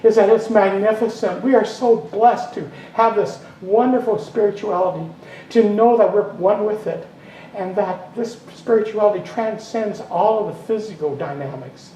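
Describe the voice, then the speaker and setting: A man's voice: sits high, normal speed, dark tone, slight background noise. A man giving a sermon as minister, rambling and breaking off with chuckling asides. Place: spiritual center meeting room. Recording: roomy hall from a distance, faint ambience.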